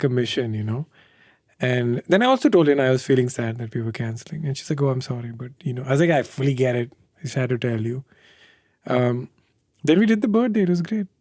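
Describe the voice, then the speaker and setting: A man's voice: mid-range voice, a little mellow, no echo, studio quality. A man in his thirties with an Indian English accent, telling candid stories in an interview, acting out quoted voices and laughing often. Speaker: interview guest. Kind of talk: candid conversational storytelling.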